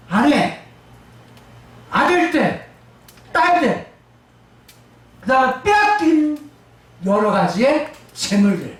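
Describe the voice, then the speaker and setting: A woman pastor preaching a sermon, drawing out emphatic phrases and calling for answers from the congregation. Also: high-pitched. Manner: call-and-response with congregation, drawn-out emphatic phrases. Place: church sanctuary. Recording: very echoey church hall, distant mic, faint room noise.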